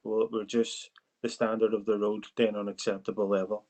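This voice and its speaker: Guy chairing a council meeting on a call, flat tone, polite, stumbles a bit. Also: on the low side, a little fast, low-quality recording. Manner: polite, hesitant, restarts words. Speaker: committee chair. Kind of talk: formal meeting questioning.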